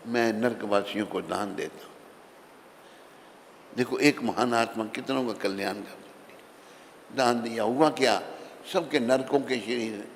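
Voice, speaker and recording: A man giving a devotional sermon, telling a story and acting out its dialogue in a raised voice. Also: mid-range voice. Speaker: swami giving a devotional lecture. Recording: long hall reverb with faint background noise.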